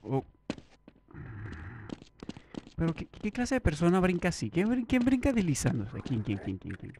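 A young man giving let's play commentary, talking to himself and swinging from muttering to excited shouting. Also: high-pitched, brisk, gravelly, a little hiss or hum. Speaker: gameplay streamer. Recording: loud game gunfire behind voice.

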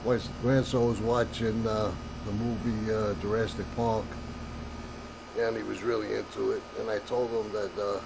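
Rambling older man, low voice. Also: little pitch movement, normal speed, creaky, noisy background. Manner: meandering, repeats "I said", many fillers. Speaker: flat-earth video maker. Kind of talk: rambling monologue to camera.

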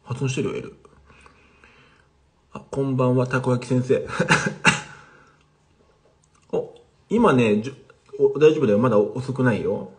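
A man's voice: mid-range voice, moderate pace, pauses often, darkish tone. A man teaching casually on a livestream, chatting with viewers and replying to their comments. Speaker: language teacher streaming live.

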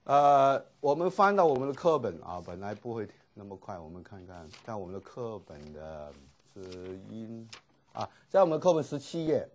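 Husky man teaching Greek, lively pitch. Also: moderate pace. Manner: explains patiently with many filler particles. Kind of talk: classroom lecture.

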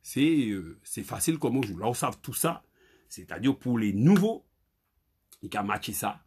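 A man teaching a Creole spelling lesson, halting and repeating himself as he spells letters aloud. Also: mid-range voice, very animated, darkish tone, breathy edge.

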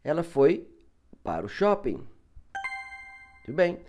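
A man's voice: fairly high pitch, wildly swooping pitch, slow, a little mellow, muffled recording, soft background music. A man with a Brazilian Portuguese accent, an upbeat, chatty English teacher walking viewers through a language app in an online lesson.

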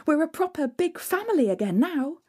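A woman's voice: a little high, wildly swooping pitch, moderate pace, gravelly, dark tone, husky, voice pushed up, exaggerated voice. A woman voicing a kind, earnest young girl heroine in a spoken folk tale.

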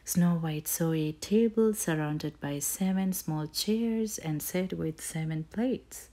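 A woman reading a bedtime story aloud in a soft, often whispered narration. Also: sits low, takes it slowly.

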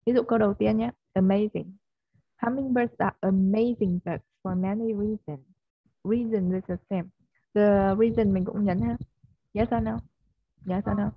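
A woman's voice: medium pitch, steady tone, a little slow, breathy edge, dry recording. A Vietnamese-speaking woman teaching an online English lesson, modelling stressed words and often checking with her student. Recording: slightly dull, dry audio.

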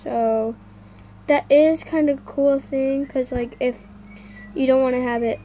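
A woman vlogging an unboxing, talking straight to her viewers in a halting, complaining way. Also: high-pitched, fairly even intonation, dark tone, a little hiss or hum. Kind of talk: casual unboxing chat to viewers.

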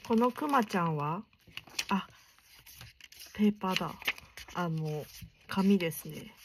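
A young woman chatting casually while unboxing stationery gifts, keeping her voice low and gushing softly, sometimes dropping to near whispers. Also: animated, unhurried, background noise. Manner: soft-spoken, chatty, keeps voice down late at night.

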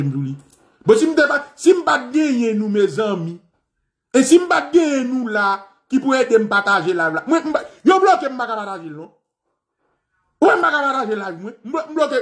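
Fiery high-voiced Haitian man ranting. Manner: fiery, repetitive, shouting at times, swearing. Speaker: political activist and radio host. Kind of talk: impassioned political monologue.

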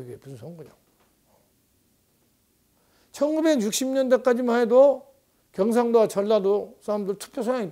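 A man's voice: sits high, mellow. A man in his sixties, a professor, giving a rambling conversational lecture on politics with frequent rhetorical asides.

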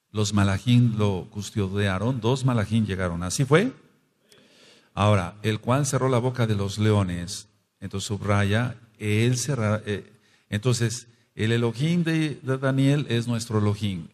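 A man with a Mexican accent teaching a scripture study, who explains and exhorts in short phrases with quick asides. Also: on the low side, a little mellow. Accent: Mexican Spanish. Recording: long reverb.

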